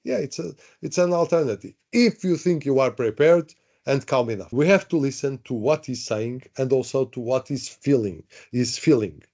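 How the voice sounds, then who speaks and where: A man's voice: medium pitch, normal speed, dark tone. Man, webinar trainer, chatty, repetitive, dull lo-fi call audio. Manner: chatty, repeats words, asks audience questions. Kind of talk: live online workshop teaching. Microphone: video call.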